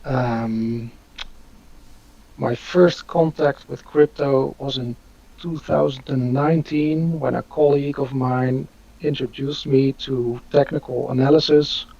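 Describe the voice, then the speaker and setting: Slow gravelly man in his fifties. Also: medium pitch, fairly even intonation, warm tone. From Netherlands. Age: 50s. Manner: slow, hesitant, many fillers. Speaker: host. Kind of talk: casual live Q&A hosting. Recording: dull lo-fi audio.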